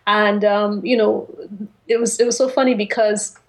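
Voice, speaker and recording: Heard through poor audio, a Caribbean woman with a mid-range voice and steady tone co-hosts a podcast's casual literary chat. She is articulate and deliberate, weighing her choice of words carefully.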